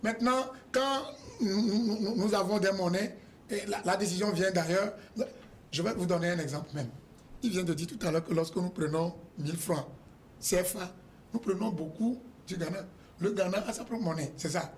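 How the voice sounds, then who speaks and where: A man's voice: sits high, normal speed, slight background noise. A man speaking as a guest on a TV panel, hesitating and searching for words. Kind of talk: TV panel discussion.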